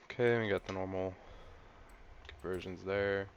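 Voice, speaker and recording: A young man giving casual, rambling gameplay commentary, an excitable car enthusiast talking through a car he's trying out. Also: sits low, moderate pace, a little hiss or hum. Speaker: gaming channel host.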